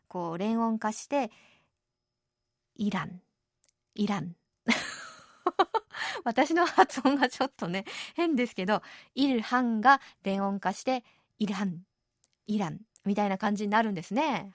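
A woman hosting a radio program in a chatty, easygoing way, often adding soft tag particles as she explains things. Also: medium pitch, dry recording, clean studio sound. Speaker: radio show host. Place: radio studio.

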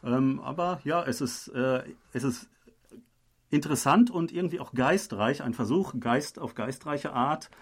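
Male radio co-host, halting and conversational, mid-pitched, heavy on filler sounds. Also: breathy edge. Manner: hesitant, many filler sounds. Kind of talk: conversational explaining.

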